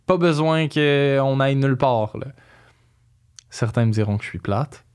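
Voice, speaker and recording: A young adult man with a Quebec French accent chats casually, using slangy speech sprinkled with English phrases. His voice is medium-pitched, smooth and unhurried.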